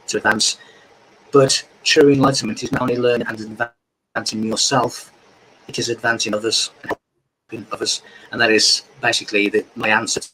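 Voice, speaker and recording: A man's voice: medium pitch, a bit bright. A man giving a spiritual talk as a guest on a video call, his microphone crackling and distorted. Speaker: guest speaker.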